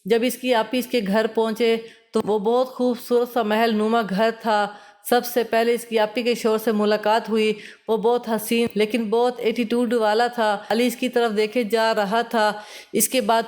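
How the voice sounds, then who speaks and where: A woman narrates an emotional moral story with a steady, measured read. Her pitch barely moves, which keeps the telling flat and even throughout.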